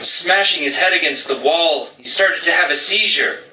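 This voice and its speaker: A man's voice: a little high, normal speed, sharp tone, roomy sound, far from the mic, a little hiss or hum, poor audio. A man playing a tabletop horror game, talking casually. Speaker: player.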